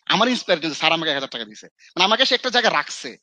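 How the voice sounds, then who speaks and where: Bright, high-voiced Bangladeshi man telling stories. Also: very fast, dry recording. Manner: animated storyteller, acts out scolding quotes, mixes in English phrases. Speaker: Islamic scholar and mentor. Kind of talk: casual podcast talk.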